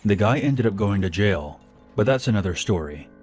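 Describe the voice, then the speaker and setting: A man narrating a first-person horror story in a calm, plain manner. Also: on the low side, normal speed, soft background music.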